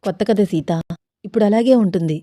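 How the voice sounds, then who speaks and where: A woman's voice: medium pitch, a little fast, warm tone, no room sound, studio quality, lightly acted. A woman voicing a teasing, eager young husband who scolds playfully.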